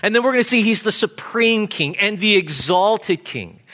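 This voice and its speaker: A guest pastor preaching a sermon with emphatic, deliberate delivery. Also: male voice, high-pitched, animated, bright, forceful tone.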